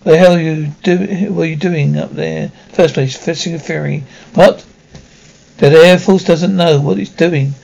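A man's voice: a little high, fairly even intonation, unhurried, gravelly, darkish tone, low-quality recording. A man acting out military pilots and other characters of a period drama, with a stumbling delivery full of restarts. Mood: stern.

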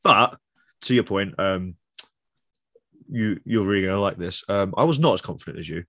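A man co-hosting a football podcast, chatty and quick to laugh along. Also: sits low, fairly bright tone, dry recording. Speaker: podcast co-host. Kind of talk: casual football chat.

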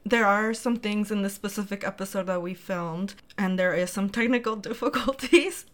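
A woman's voice: medium pitch, moderate pace. A woman with a Valley Girl accent, co-hosting a podcast in casual chat, often dropping in "like". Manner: Valley Girl talk with frequent "like". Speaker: podcast co-host.

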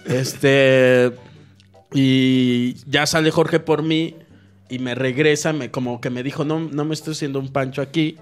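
A man with a Mexican Spanish accent telling a crude, animated anecdote on a casual comedy podcast, laughing and swearing as he goes. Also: medium pitch, a little slow, smooth, faint music behind. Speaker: podcast co-host.

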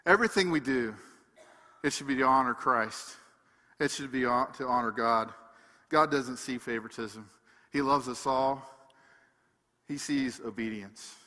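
A man preaching a sermon, emphatic, swinging between loud passages and hushed ones. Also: mid-range voice, in a large hall.

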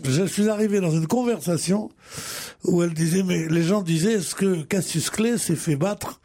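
A man's voice: high-pitched, normal speed, warm tone. An older man on a radio panel, telling a rambling anecdote with many repeated words and restarts. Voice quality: gravelly, husky. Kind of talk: radio panel banter, storytelling.

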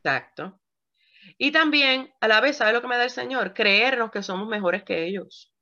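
Bright-voiced woman pastor preaching. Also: fairly high pitch, normal speed. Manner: lively preaching, asks the audience questions. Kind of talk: sermon to a women's group. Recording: dull lo-fi recording.

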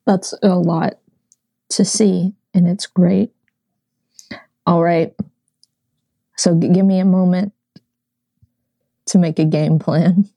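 A woman with a lowish, mellow voice plays a tabletop game, talking casually through her character's moves. The sound is dry and close to the mic. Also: fairly even intonation, takes it slowly, long pauses, no echo. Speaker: player.

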